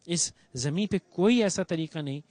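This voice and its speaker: A man's voice: fairly high pitch, expressive, a little mellow, no echo. A man hosting a TV show, speaking earnestly and with grief in an on-location monologue, standing outdoors near a bomb site and mixing English phrases into his speech. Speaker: TV show host.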